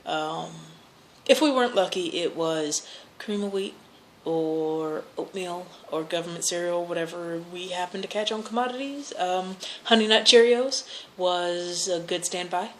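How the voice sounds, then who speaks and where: A woman's voice: fairly low pitch, unhurried. An American woman chatting casually and answering questions, rambling and hesitant as she corrects herself. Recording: noticeable background noise.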